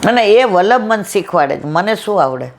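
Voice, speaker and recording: A woman's voice: medium pitch, lively intonation, a little fast. Woman doing a satsang talk, chatty storytelling, acts out the dialogue bits. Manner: conversational, acts out quoted dialogue. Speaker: satsang speaker. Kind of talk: devotional discourse with storytelling.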